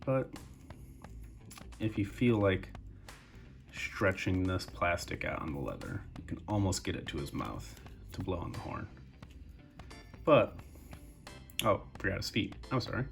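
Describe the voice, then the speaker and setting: Low and creaky, a young man's congested voice carries a laid-back toy review as he breathes through his mouth. He's chatty and keeps addressing viewers as "guys."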